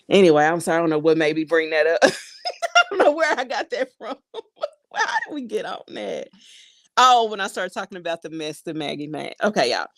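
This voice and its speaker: A woman talks casually to her viewers, reading their comments aloud. Her voice sits low, and she laughs often as she chats. The sound is close and dry, with no room echo. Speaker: vlogger.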